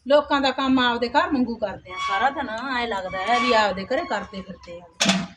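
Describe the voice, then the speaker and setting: In an amateur home-made village skit, a woman plays a poor young village mother who works as a day laborer, weary and complaining, sighing plaintively to God. Her fairly high voice is close to an everyday one, at normal speed, in a very noisy recording.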